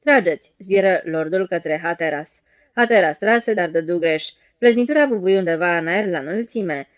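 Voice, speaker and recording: A woman narrating an audiobook in a steady storytelling read. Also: on the low side, no echo, highs cut off. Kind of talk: scripted narration.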